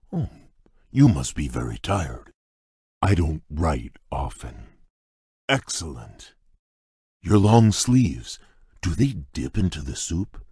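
A very deep, husky-voiced beast prince in a video game, gentle and shy, with formal, halting speech. He talks slowly, his low voice rising and falling widely, recorded dry in a studio. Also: no room sound, heavily acted.

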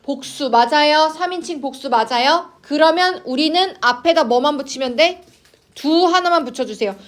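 Casting note: high-pitched woman as an English teacher, coaxing, keeps asking the class if they follow. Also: normal speed. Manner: coaxing, checks in constantly with students. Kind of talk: online class lecture to students.

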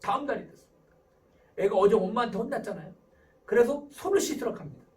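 A man's voice: high voice, lively intonation, quick pace, distant mic, poor audio. A man lecturing to parents, asking questions and answering them himself. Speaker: professor giving a parenting lecture.

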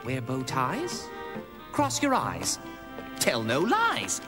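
A woman voicing an earnest, excitable little boy mouse in a cartoon. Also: very deep voice, slow pace, over music, heavily acted. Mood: puzzled, wary. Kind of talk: cartoon voice acting.

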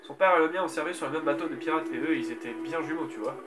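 A friendly cartoon man full of thanks, as a male gamer reads him aloud speaks in an easygoing, chatty way. The voice sits a little high for a man. Clear game music plays behind him. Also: rapid-fire, distant mic, close to an everyday voice. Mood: grateful. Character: sailor's son, a friendly grateful cartoon man. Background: video game music.

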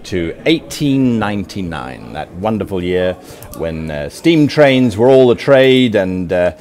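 A man's voice: sits low, sing-song, unhurried, crowd noise. A man narrating a live tabletop game as game master, storytelling theatrically at a convention session.

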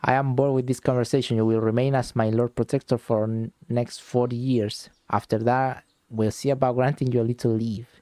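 A man's voice: medium pitch, flat delivery, a little fast, hardly any pauses, mellow, no room sound, close to an everyday voice. A man voicing an arrogant, spoiled boy duke while reading game dialogue aloud, in a pompous, commanding, insulting manner. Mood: haughty.

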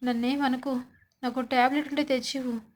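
A woman's voice: high-pitched, level tone, brisk, close to an everyday voice. A woman narrator reading the lines of a sore, feverish wife who moans and complains. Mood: whimpering. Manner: moaning, whiny.

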